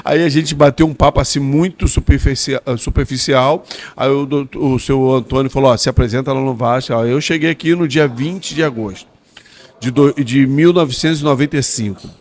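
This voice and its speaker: A man, a former footballer talking as a guest in a restaurant, heartfelt with halting restarts. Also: medium pitch, a little mellow. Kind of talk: emotional storytelling interview.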